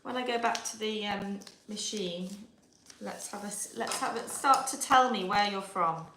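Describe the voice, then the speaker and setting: A woman's voice: medium pitch, normal speed. A woman with a Yorkshire accent hosting a live sewing tutorial from her kitchen, chatting and thinking aloud as she works. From Yorkshire, England. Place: home kitchen. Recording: echoey kitchen with background noise.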